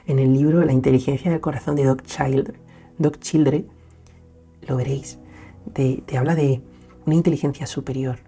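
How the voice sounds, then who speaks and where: A young man with a Spain Spanish accent, hosting a reflective solo talk in an earnest, searching way, often pausing and restarting. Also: fairly high pitch, gravelly. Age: young adult. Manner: earnest, searching, pauses and restarts, swings between loud and hushed. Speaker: host.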